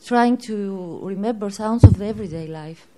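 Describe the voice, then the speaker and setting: A woman's voice: mid-range voice, normal speed, dark tone. Hesitant woman searching for words. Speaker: audience member. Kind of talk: spontaneous comment.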